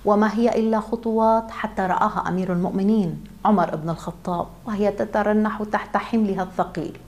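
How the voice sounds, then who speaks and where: A woman telling a moral tale in a measured, solemn way, as scripted story narration. Her voice sits at a middle pitch and keeps a steady, calm pace.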